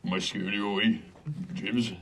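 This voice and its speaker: A man's voice: fairly low pitch, flat delivery, normal speed, slightly rough. A young man voicing a cheeky older man called Bumpy, who swears and boasts in old-timer slang. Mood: cocky.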